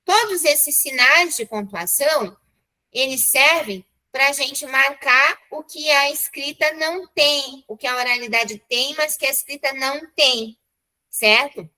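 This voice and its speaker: Bright, high-voiced Brazilian teacher. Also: female voice, unhurried, poor audio. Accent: Brazilian Portuguese. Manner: chatty, encouraging, with frequent "né?" and "tá?" checks. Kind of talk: live online class.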